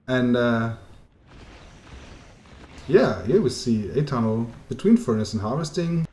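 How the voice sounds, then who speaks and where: A man with a German accent commentating a live strategy game as caster, chatty and joking, lifting into excitement on the action. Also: mid-range voice, reverberant. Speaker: esports caster.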